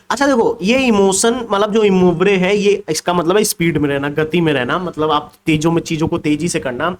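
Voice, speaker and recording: High-voiced lively male teacher. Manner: lively, teasing, mixes Hindi with English terms, asks students questions. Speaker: exam-prep teacher. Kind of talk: online revision class. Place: indoors with a laptop.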